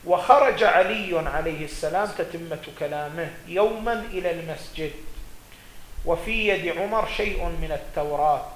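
Reading legal texts aloud and then unpacking them, a male religious scholar teaches jurisprudence at a seminary. His voice is a little high and a bit bright, at normal speed. Expect an echoey room, faint ambience, and slight background noise.

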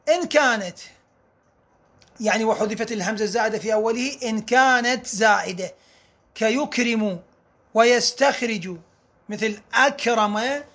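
A man's voice: very high-pitched, a bit bright. A man teaching a grammar lesson, reading rules aloud and explaining them through repeated examples.

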